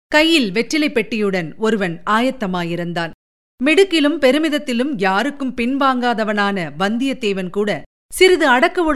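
Brief: female radio storyteller, measured and formal, slightly higher-pitched than most. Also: fairly bright tone. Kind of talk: scripted narration of a novel.

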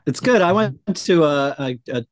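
A man's voice: on the high side, animated, normal speed. A man co-hosting a casual podcast chat, telling anecdotes in a laid-back way with hesitations. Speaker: podcast co-host.

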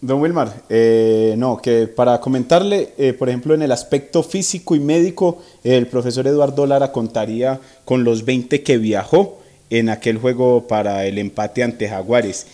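A man's voice: mid-range voice, normal speed, mellow. A man, a sports radio reporter giving team news politely with some hesitation.

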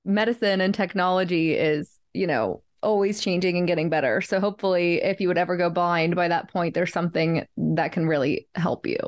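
A woman's voice: lowish voice, fairly even intonation, brisk, few pauses. A young woman co-hosting a podcast in casual chat, upbeat and talkative, laughing often. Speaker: podcast co-host.

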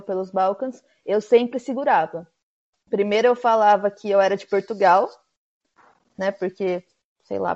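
This is a casual chat with a Brazilian woman who's a guest, telling stories about hitchhiking and leaning heavily on fillers like "tipo." Her voice is a little high and a little mellow, and the sound quality is dull and lo-fi.

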